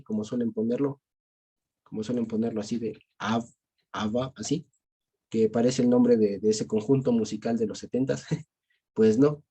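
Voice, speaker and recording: A man's voice: medium pitch, dark tone, breathy edge. A man with an Ecuadorian Spanish accent teaching a small-group Bible class over a video call, explaining step by step and checking in with his listeners after each point.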